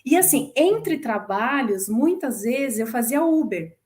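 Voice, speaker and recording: Lively Brazilian woman in her forties. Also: high-pitched, slow pace. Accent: Brazilian Portuguese. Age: 40s. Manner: lively storyteller who acts out quoted voices. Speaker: former flight attendant telling her story. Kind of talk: casual chat interview.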